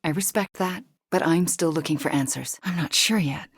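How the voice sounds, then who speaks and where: Husky, low-voiced Scarlet Witch, earnest game heroine. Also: normal speed, dry recording, studio quality. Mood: earnest, measured. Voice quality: soft, breathy, husky. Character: earnest young adult woman witch hero, guilt-ridden yet determined. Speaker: voice actor. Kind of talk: video game character voice lines.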